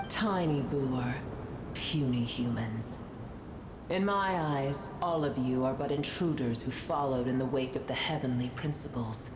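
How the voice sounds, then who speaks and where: An ancient dragon sovereign speaks in a very low register, slowly and deliberately. The proud, imperious game character scorns humans in formal, archaic phrasing, with a roomy echo around every word. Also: female voice, background noise. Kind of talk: video game voice acting. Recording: roomy echo with music underneath.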